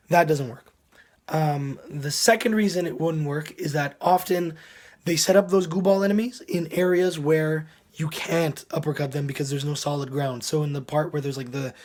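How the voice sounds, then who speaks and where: A man with a hoarse, sick voice that is giving out gives casual commentary as a game reviewer, often clearing his throat. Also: on the high side, darkish tone.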